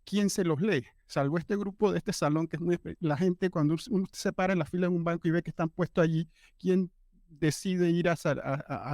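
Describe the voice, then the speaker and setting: Guy asking the panel a long question, kinda high voice, stops and restarts a lot. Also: darkish tone, no room sound, studio quality. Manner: thoughtful, questioning, hesitant restarts. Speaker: audience member asking a question. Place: event room.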